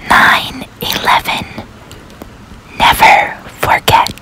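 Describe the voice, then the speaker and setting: A woman whispering ASMR commentary with dry humor while riding a subway train. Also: extremely slow. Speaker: host.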